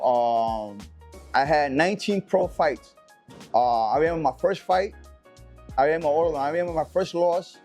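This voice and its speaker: A man's voice: on the high side, a little mellow. A middle-aged man from Puerto Rico, a former professional boxer, talking casually in an interview with many fillers and repeats. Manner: rambling, repeats himself, many fillers like "you know".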